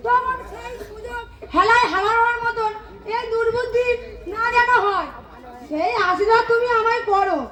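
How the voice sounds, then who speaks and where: A woman's voice: very high-pitched, moderate pace, a faint crowd. A woman playing an earnest reformed outcast who sells lottery tickets, declaiming and pleading in folk stage melodrama. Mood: resolute, tearful. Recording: echoey stage, loud music, audience noise.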